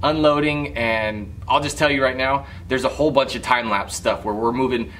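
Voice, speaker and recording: A young adult man, a vlogger who owns an automotive lighting shop, chats to the camera in an easygoing, informal way. His medium-pitched voice is brisk and fairly bright, with music in the background and a little hiss or hum on the recording.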